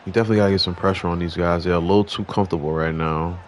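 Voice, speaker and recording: A young man giving relaxed, conversational play-by-play commentary over a football video game. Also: low-pitched, racing, a little hiss or hum. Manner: relaxed, conversational, mild restarts. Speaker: gaming commentator.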